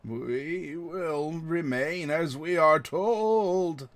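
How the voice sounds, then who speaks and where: A man voicing an eerie insectoid fey creature, speaking in a slow, flat monotone. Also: on the high side.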